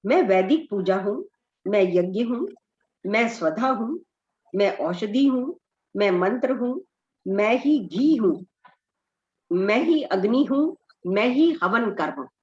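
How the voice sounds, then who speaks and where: A middle-aged woman teaches scripture to a group on an online call. She chants each verse at an unhurried pace before she translates it line by line. Her voice comes through dull and echoey, as if from a bare room. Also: mid-range voice, animated, darkish tone. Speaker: Gita study group teacher. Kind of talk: slow scripture recitation and explanation.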